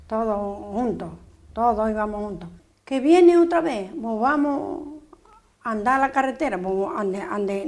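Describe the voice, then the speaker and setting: An older woman, giving halting, fragmented eyewitness testimony. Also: a little high, vocal fry, a little mellow. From Spain. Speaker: eyewitness interviewee. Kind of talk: personal testimony.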